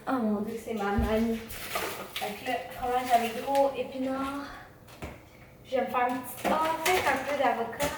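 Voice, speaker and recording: A young woman with a fairly high voice and a Quebec French accent talks casually, as in a home vlog, in loose slangy phrases. Clear background noise with small clicks runs through the recording. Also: echoey room. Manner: informal, chatty, peppered with slang. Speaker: vlogger.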